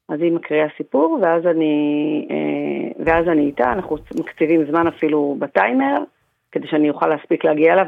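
A woman's voice: low voice, vocal fry, no room sound. A mother calling into a radio show, talking hesitantly with many fillers about her children. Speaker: caller, mother. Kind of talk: radio call-in conversation. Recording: tinny phone line.

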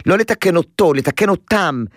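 A woman's voice: lowish voice, lively intonation, no echo, studio quality. A woman advising a caller on parenting, emphatic and repeating words for stress. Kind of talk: radio call-in advice.

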